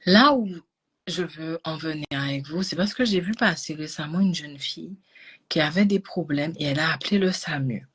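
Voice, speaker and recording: Husky woman telling a story. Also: deep voice, normal speed. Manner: animated, swings between loud bursts and hushed whispers. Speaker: energy healing coach. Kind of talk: personal storytelling to a live audience.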